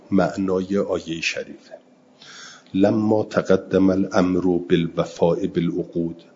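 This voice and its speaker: A man teaching a religious lesson, reading Arabic text slowly and then explaining it quickly in colloquial Persian. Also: low voice, a little mellow, dull audio, slight background noise. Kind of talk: seminary lesson explaining Quranic grammar.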